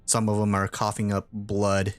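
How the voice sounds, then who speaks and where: A man's voice: fairly low pitch, monotone, normal speed, smooth. A man narrating a tabletop role-playing game as its game master. He describes the scene in a casual way and laughs often, with faint music playing underneath.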